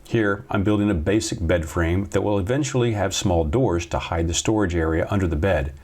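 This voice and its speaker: Low-voiced man narrating a DIY vlog. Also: a little fast, darkish tone. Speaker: DIY vlogger. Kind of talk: casual voice-over narration.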